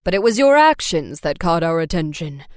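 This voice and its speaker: A woman voicing a warm, steady adoptive father who speaks in measured, gentle counsel, in an audiobook. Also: lowish voice, dry recording, clean studio sound, pitched below the performer's own voice. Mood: fatherly. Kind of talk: audiobook character voice.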